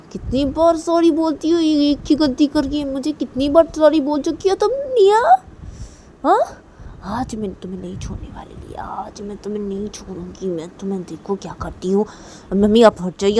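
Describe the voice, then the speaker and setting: A woman's voice: on the low side, slight background noise, close to an everyday voice. A woman voicing an angry young mother who scolds her child harshly. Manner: sharp, scolding interrogation.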